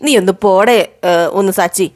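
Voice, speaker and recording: A woman's voice: medium pitch, normal speed, a little mellow, lightly acted. A woman voicing a teasing older woman of the house who toys with a young man and then shoos him away. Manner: teasing, shooing.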